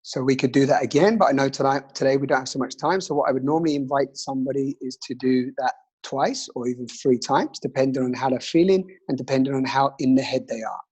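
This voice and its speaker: A man leading a guided breathing exercise as a teacher, speaking in a gentle, reassuring way with pauses. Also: mid-range voice, slightly rough.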